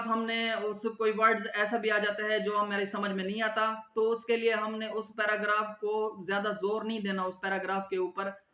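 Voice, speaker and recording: A man's voice: high-pitched, bright, forceful tone. A man giving an exam coaching lesson as a teacher, explaining step by step and answering his own questions. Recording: roomy echo.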